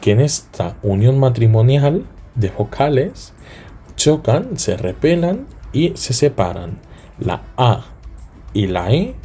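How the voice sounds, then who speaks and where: A man's voice: on the low side, dark tone. A man teaching a lesson, spelling points out and often checking in with rising questions. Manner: repeats and spells out points slowly. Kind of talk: explanatory lesson.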